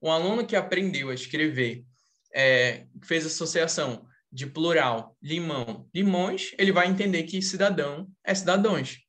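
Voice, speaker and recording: A man's voice: fairly high pitch, animated, normal speed, fairly bright tone. Brazilian man teaching an online class. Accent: Brazilian Portuguese. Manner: explains step by step, asks the class questions. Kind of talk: online writing lesson.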